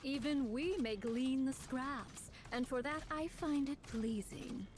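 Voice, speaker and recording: High, unhurried, old-fashioned formal speech; lofty game character. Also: female voice, darkish tone. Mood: musing. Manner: archaic formal phrasing, theatrical. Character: archaic-speaking woman, formal, lofty and curious. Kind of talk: video game voice acting.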